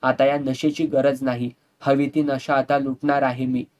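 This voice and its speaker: A man's voice: mid-range voice, flat delivery, a little slow, darkish tone, lightly acted. Guy doing a sleazy drunk rich villain, sneering and gloating, audiobook style. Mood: menacing. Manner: mocking, sneering, drops into Hindi couplets.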